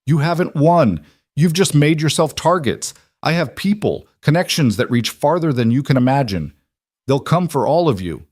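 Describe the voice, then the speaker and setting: A man's voice: lowish voice, unhurried, dry recording, studio quality. A man voicing an arrogant, ruthless cattle baron who speaks coldly and makes threats. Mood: furious. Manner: cold and quiet, turning to furious threats.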